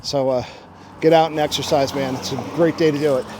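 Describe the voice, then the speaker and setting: A man talking casually while riding his bicycle outdoors on a road, relaxed and chatty with lots of fillers, a little out of breath. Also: on the high side, a little fast. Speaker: cycling vlogger. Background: passing traffic.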